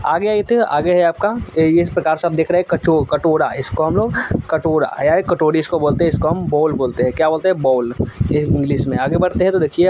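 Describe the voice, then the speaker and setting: A man's voice: on the high side, lo-fi sound, background noise. A man teaching household vocabulary, naming each item and repeating the word back as a question. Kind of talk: vocabulary lesson.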